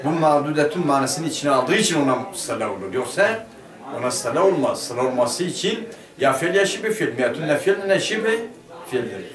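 Male teacher, higher voice, leads a grammar lesson and quizzes the class, heard from across an echoey room. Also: expressive, moderate pace, a crowd in the background. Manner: asks the class questions and answers them himself. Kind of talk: Turkish madrasa lesson explaining a grammar text. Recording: roomy classroom picked up from a distance.

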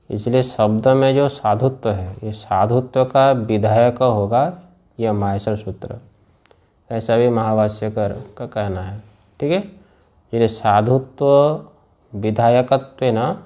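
Slow, low-voiced grammar teacher. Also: male voice, warm tone. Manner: slow and repetitive, drills phrases and checks understanding. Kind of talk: classroom lecture with questions to students.

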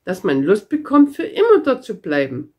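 A woman's voice: medium pitch, huge pitch swings, moderate pace, warm tone. A woman voicing a cheerful, boastful young girl in a storybook read-aloud, with a bouncy, carefree manner. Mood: merry. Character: cheerful, boastful red-haired girl, very strong.

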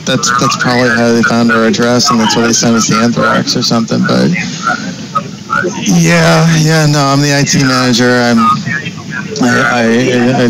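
A man playing an anxious, distracted IT manager on a prank phone call, halting and stammering as he repeats himself. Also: mid-range voice, gravelly, heavy background noise, lightly acted. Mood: resigned, fretful.

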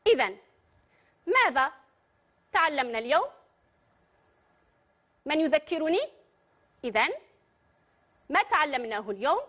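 A woman's voice: sits high, sing-song, moderate pace, pauses often, a bit bright. A woman with an Algerian accent teaching a primary school grammar lesson, patient and putting questions to her pupils. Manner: patient, addresses pupils directly and asks them questions. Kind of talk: Arabic grammar lesson for children.

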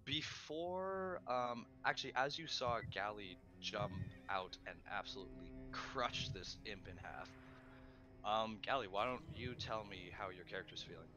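A man's voice: lowish voice, animated, a little slow, muffled recording, music in the background. A man running a tabletop game as game master, narrating casually with many ums and the odd swear.

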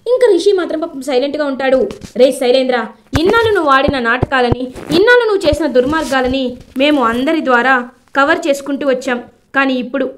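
A woman's voice: high voice, expressive, fast, slight background noise. A woman animatedly retelling a television serial episode as a storyteller, voicing the characters' lines herself. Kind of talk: dramatic plot recap narration.

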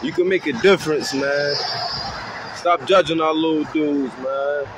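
A man's voice: on the high side, unhurried. A man speaking casually and from the heart about mentoring kids, outdoors on a city street. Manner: heartfelt, slangy, acts out kids' voices. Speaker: community outreach speaker. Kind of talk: casual street talk to camera. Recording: faint street noise outdoors.

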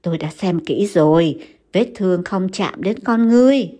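A woman voicing a calm young man who reassures a worried friend, in a steady, slightly lowered voice. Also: normal speed. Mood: reassuring.

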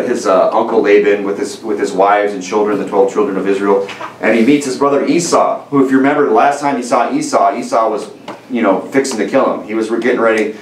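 A man's voice: on the low side, slight background noise. A man in his thirties preaching a sermon at a lectern, earnest and conversational, with many restarts and "you know"s. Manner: stands at a lectern gesturing with both hands. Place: church sanctuary, indoors, medium room. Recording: roomy church audio from a distance.

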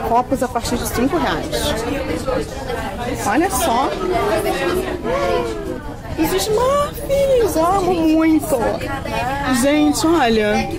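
A woman author chatting casually while filming a walkthrough of an event, excited and greeting people as she goes. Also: on the high side. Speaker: author vlogging at a book event. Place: busy indoor event venue. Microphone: handheld phone camera. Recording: loud crowd noise around. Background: loud crowd chatter.

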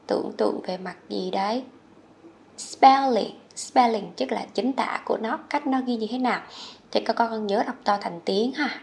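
A woman from Vietnam teaching English vocabulary to children, patient and coaxing, spelling words out slowly and repeating them. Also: medium pitch, creaky, a little mellow, a little hiss or hum. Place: HCMC.

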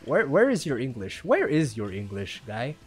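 Excitable gamer with a lively, up-and-down voice. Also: medium pitch, moderate pace, breathy edge. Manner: excitable, reacts loudly with exclamations and self-talk. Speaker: gamer playing a Roblox obstacle game. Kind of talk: let's-play commentary. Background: faint game music.

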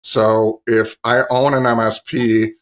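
Talking over a video call from his home office, a man in his fifties acts as an interview guest and industry analyst, giving explanatory business answers. He speaks slowly at a medium pitch with little pitch movement and a fairly bright tone.

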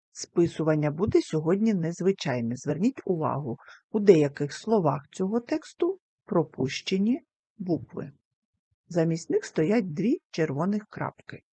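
A woman teacher giving a recorded lesson to young children, speaking slowly and carefully and sounding out words syllable by syllable. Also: on the low side, big pitch swings, warm tone, dry recording. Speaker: primary school teacher.

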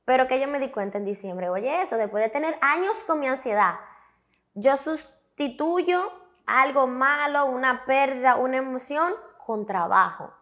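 A young woman with a Dominican Spanish accent, a guest telling her story in a candid, emphatic, animated way. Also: high voice, moderate pace. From Dominican Republic. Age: young adult. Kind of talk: candid interview talk.

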